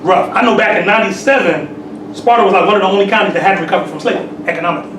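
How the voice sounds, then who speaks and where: A temple sheik in his forties gives a conversational sermon in a high-pitched, rapid-fire voice, streetwise and peppered with "you know what I'm saying." He is recorded from a distance in an echoey temple hall, and the audio is hissy.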